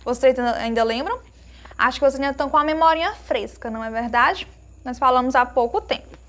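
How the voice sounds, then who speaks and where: High bright-voiced woman teaching children. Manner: slow emphatic sounding-out of words; warm diminutives, asks pupils questions. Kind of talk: children's lesson.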